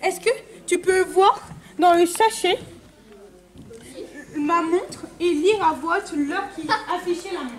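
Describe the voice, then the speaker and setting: In an extremely high-pitched voice and at a slow pace, a kids' party magician runs through card-trick patter, directing and questioning volunteers. The recording comes from a big, echoing indoor hall full of loud crowd noise.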